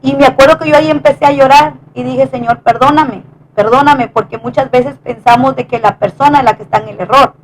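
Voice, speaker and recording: A woman with a high voice recounts a personal testimony in an earnest, conversational way. She often stumbles and restarts her phrases as she speaks. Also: steady tone, slight background noise, low-quality recording. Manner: earnest, halting with many restarts. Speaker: wife sharing testimony.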